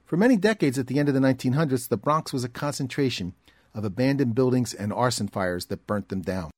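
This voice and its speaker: A man reading a scripted documentary narration in a measured, even way. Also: medium pitch. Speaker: narrator and reporter.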